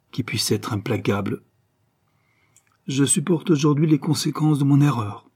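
A man's voice: mid-range voice, warm tone, slightly rough. A man voicing a proud, grieving older countess, a mother torn over vengeance, in an impassioned declamatory reading. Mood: anguished. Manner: intense, emotional, declamatory. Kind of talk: audiobook reading.

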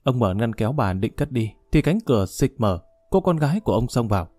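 A calm male narrator reads the story in an even, steady way. His voice is dark and mellow, recorded close and dry, with faint music underneath. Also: medium pitch, brisk, dry recording. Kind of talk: audiobook narration.

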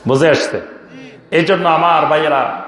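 A man with a high, ringing voice delivers a sermon, quizzing his listeners with rhetorical questions and chanting some phrases. His voice echoes through a reverberant hall, and each phrase trails off in a long tail. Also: moderate pace, a bit bright. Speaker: preacher. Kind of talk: Bengali waz sermon.

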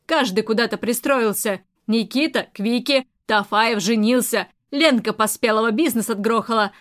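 A woman's voice: a little high, moderate pace, close to an everyday voice. A woman reading the part of a scornful, domineering aunt who mocks the people she talks to. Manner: mocking, scornful. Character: sharp-tongued older aunt, mocking and domineering.

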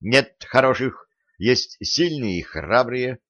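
A man's voice: medium pitch, lively intonation, slow pace, fairly bright tone, no room sound, voice pushed up. A man voicing an arrogant, quarrelsome teenage boy in an audiobook, speaking haughtily and sharply. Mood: haughty. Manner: haughty, quarrelsome, raising his voice. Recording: dull lo-fi recording.

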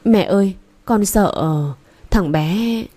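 A woman's voice: medium pitch, takes it slowly, dark tone. A woman reading aloud voices a frightened, scheming young wife who whimpers and pleads in panic. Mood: pleading.

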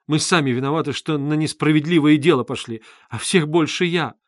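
A man playing a shrill, indignant mother. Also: expressive, fairly quick, a bit bright, no room sound, clean studio sound. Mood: furious. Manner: shrill, exclaiming, scolding. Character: indignant middle-aged mother, proud and fussy woman.

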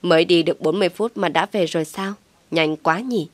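A woman's voice: fairly low pitch, a little fast, no room sound, natural voice. A woman voicing a sly young wife who teases her husband and fakes concern in an audio story. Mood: teasing.

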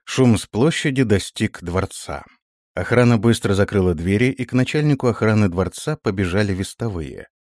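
A man narrating a fantasy story in a steady storytelling manner, voicing the characters. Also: fairly low pitch, moderate pace, dry recording, clean studio sound. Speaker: audiobook narrator.

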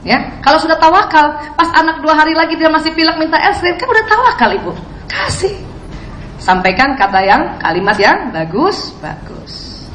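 A woman's voice: high voice, lively intonation, a little fast, fairly bright tone, roomy sound, slight background noise, rough recording. A woman preacher giving a sermon to women, often putting questions to her listeners. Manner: questions the audience. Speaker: Islamic preacher.

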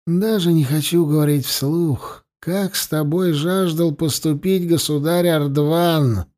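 A man's voice: fairly high pitch, steady tone, slow pace, darkish tone. A man reading an audiobook, voicing a cold, smug middle-aged priest who talks down to his prisoner. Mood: cold mocking. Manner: cold, mocking and condescending.

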